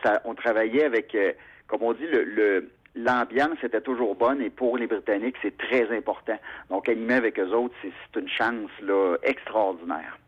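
A man's voice: fairly low pitch, moderate pace, dull audio. A man from Quebec with a Québécois French accent, a motorsport announcer telling stories in a radio interview, full of fillers and restarts. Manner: chatty, animated storyteller with frequent fillers.

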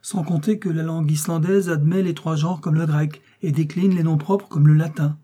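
A man voicing an irascible, excitable old male professor in an audiobook, booming, lecturing and scornful. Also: normal speed, lightly acted. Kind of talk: audiobook character reading.

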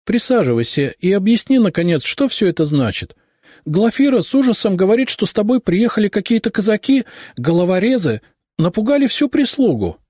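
A sharp, imperious mother from a storybook, scolding in a high, lively voice, as a male narrator puts her on. The sound is close and dry, with no room around it. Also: a little fast, slightly rough, no echo, full character voice. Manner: reproachful, imperious.

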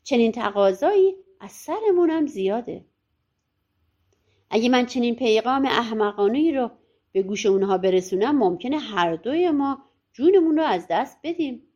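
A woman's voice: a little high, lively intonation, darkish tone, highs cut off. A woman voicing a poor, bold old mother in a storybook audiobook, pleading earnestly and persuasively. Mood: worried.

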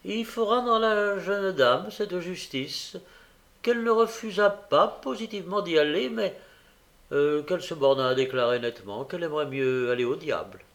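A man reading a classic novel aloud in measured narration, with small hesitations. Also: fairly high pitch, expressive, a bit bright. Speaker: audiobook reader. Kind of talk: scripted narration.

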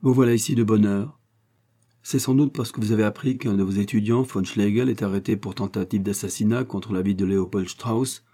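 A man voicing a stern, quick-tempered male police inspector who speaks severely and commandingly. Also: lowish voice, steady tone, dark tone, close to an everyday voice. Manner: severe, commanding, then explosive.

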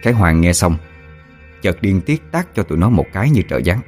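A man reading a ghost story aloud in a slow, somber way. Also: sits low, big pitch swings. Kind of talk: scripted horror story narration. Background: soft music with singing bowl.

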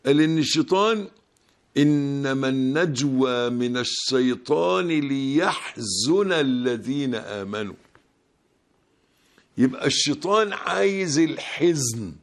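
A man with an Egyptian Arabic accent giving a Ramadan sermon, colloquial and emphatic, pressing his points. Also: a little high. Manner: colloquial, emphatic, rising loudness when stressing points. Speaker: preacher.

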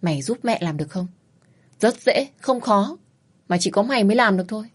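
Shrill scolding mother, read by a woman. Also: animated, fairly quick, husky. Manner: loud, nagging, coarse. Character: shrill scolding middle-aged mother, bossy.

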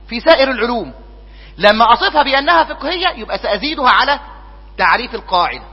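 A man's voice: sits high, slightly rough. A man with an Egyptian accent teaching a jurisprudence lesson, putting questions to his students and answering them himself. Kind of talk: classroom lesson. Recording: dull lo-fi recording in a hall with long reverb.

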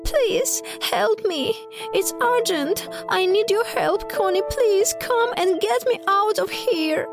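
A woman's voice: very high voice, animated, music in the background, pitched above the performer's own voice, heavily acted. Woman doing a sobbing, frightened schoolgirl. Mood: tearful pleading. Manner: tearful, pleading, slow.

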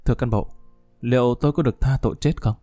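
A remorseful prisoner begs for mercy with a stammering, pleading voice, as a man narrator puts him on. The tone is mellow and the sound dry and close. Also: mid-range voice, fast, no room sound, faint music behind, close to an everyday voice.

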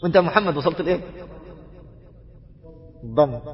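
A man with an Egyptian accent teaching a study circle, mixing formal Arabic with colloquial speech, quizzing his students and slowly chanting phrases to demonstrate them. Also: on the high side, animated, big-room sound, lo-fi sound. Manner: questions students and draws out the answers, chants the takbir slowly to demonstrate.

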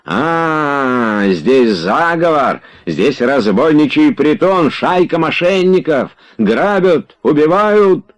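A man voicing a crude, bullying middle-aged man who shouts abuse in an audiobook reading. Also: on the low side, expressive, measured pace. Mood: shouting, abusive. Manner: shouting, abusive, blustering.

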